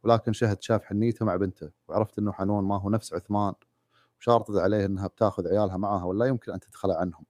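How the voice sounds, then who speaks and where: A man narrating a sad story in a rapid, even reading. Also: lowish voice, dry recording, studio quality.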